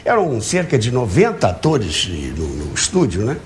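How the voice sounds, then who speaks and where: On a TV talk show, a Brazilian man guests, jovially telling the host anecdotes and acting out the dialogue in them. His medium-pitched voice has huge pitch swings at a moderate pace, and the studio audio, with an audience present, is clearly noisy.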